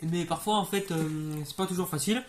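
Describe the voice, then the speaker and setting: A young man voicing a baker with Tourette's in an amateur comedy sketch, breaking off into sudden shouted tics and laughs. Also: high-pitched, a little fast, slight background noise, natural voice. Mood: blurting.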